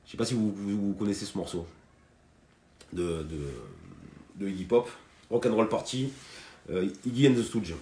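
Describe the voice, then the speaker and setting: A French guitar teacher gives a casual lesson on a live stream, his lowish, dark voice at a moderate pace with frequent pauses and a little hiss or hum. He talks hesitantly, full of fillers and restarts, greets viewers by name, and the roomy audio includes guitar playing.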